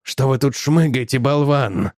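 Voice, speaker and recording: A man's voice: mid-range voice, a little slow, darkish tone, dry recording, close to an everyday voice. Brief: edgy businessman, curt and snappish, from a male reader, dry close sound. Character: irritable, rattled middle-aged businessman.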